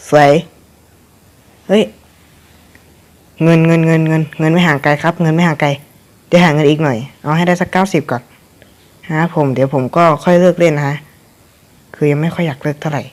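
A man's voice: on the high side, fairly even intonation, moderate pace, long pauses, a little mellow. Young Thai man rambling over gameplay. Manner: rambling, swears at the game, chuckles often. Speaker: gameplay commentator. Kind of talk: casual gameplay commentary.

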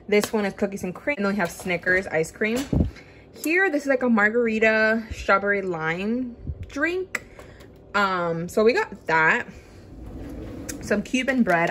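A young adult woman vlogs from her home kitchen, chatting casually and enthusiastically with viewers about a grocery haul. She has a mid-range, fairly bright voice. Background noise and room ambience are clearly audible.

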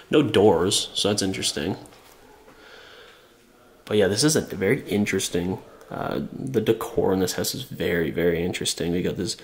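Holding a small camera at arm's length, a young male urban explorer vlogger narrates a casual walkthrough inside an empty abandoned house. He's a bit under the weather with a cold, low-voiced, and eager and chatty, with lots of fillers.

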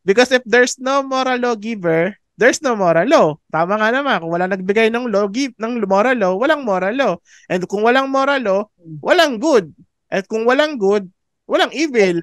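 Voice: mid-range voice, expressive, normal speed, dry recording, studio quality. A theology teacher giving a conversational online lecture over a video call, mixing English into Tagalog, often checking with the class and laughing between points. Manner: chatty, mixes English into Tagalog, asks "di ba?" often. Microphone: video call microphone.

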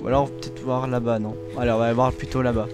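A man's voice: mid-range voice, flat delivery, fast talker. Giggly young man playing a game. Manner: chatty, giggly, talks to viewers. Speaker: gaming video host. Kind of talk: casual let's-play commentary. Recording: game music playing behind.

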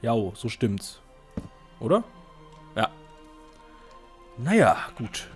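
Young man, gaming commentary, chatty, self-mocking, lively up-and-down voice, faint music behind. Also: mid-range voice, extremely slow. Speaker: let's play host.

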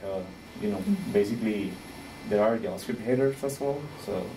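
A man in his thirties from Rica, speaking English, giving a friendly conference talk with frequent small laughs and pauses while he searches for words. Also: on the low side, background noise. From Costa Rica.

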